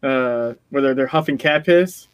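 A man's voice: mid-range voice, a little slow, smooth, no room sound. A middle-aged man co-hosting a casual game podcast, rambling and laughing as he talks. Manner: rambling, self-interrupting, laughs often. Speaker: podcast co-host. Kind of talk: casual chat.

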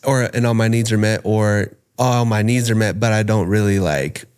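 A man's voice: lowish voice, steady tone, normal speed, darkish tone, clear, resonant tone. A man in a casual podcast discussion, talking in a laid-back, slangy way with lots of fillers.

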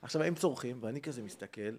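A man, a comedian, telling a comic story in casual chat and acting out the people in it. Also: mid-range voice. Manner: animated, acts out the people in his story. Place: rooftop.

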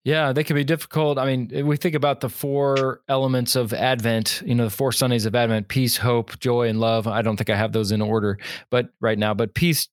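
A man's voice: mid-range voice, level tone, brisk, hardly any pauses, a little hiss or hum. A man who coaches pastors, talking casually on a podcast and quoting hymns and Scripture with rising emphasis.

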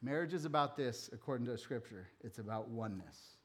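Man preaching a conversational sermon. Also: lively intonation. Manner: conversational preaching that swells higher and louder when stirred; reads scripture slowly and deliberately. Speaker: pastor. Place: church.

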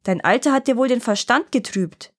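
A woman voicing a vain, greedy rich landowner who is quick to anger and later pleads sweetly. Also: medium pitch, expressive, a little mellow, no room sound, clean studio sound. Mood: haughty. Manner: haughty, then honey-sweet and pleading.

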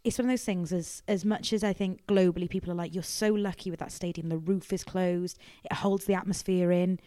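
A chatty woman in her thirties with a slightly low voice. She teases and jokes as a rugby presenter on a casual podcast. The recording is dry and close, with no room sound. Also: steady tone, dark tone, dry recording. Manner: chatty, teasing, quick-witted.

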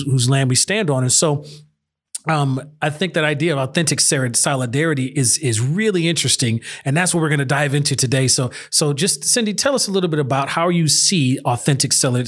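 A man hosting a podcast, speaking in a halting way with many restarts. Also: medium pitch. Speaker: podcast host. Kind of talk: casual podcast conversation.

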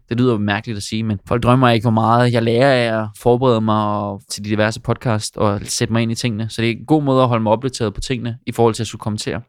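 Young man telling stories, smooth clear voice. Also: medium pitch, no room sound, studio quality. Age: 20s. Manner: chatty, with many fillers and restarts. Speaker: podcaster and sports commentator. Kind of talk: relaxed interview storytelling.

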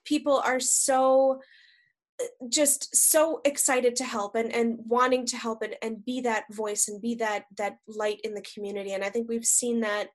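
A woman's voice: on the high side, flat delivery, moderate pace. A woman hosting an interview show, chatting casually and often restarting her sentences. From United States. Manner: chatty, full of restarts and repeated words. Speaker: podcast host.

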